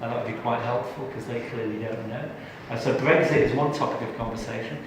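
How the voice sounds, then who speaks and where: Jokey presenter in an echoey hall. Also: male voice, medium pitch, steady tone, fast talker, recorded from a distance, slight background noise. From England. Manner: jokey, chatty, engages the audience. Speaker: tax trainer. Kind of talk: live training presentation. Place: large training room.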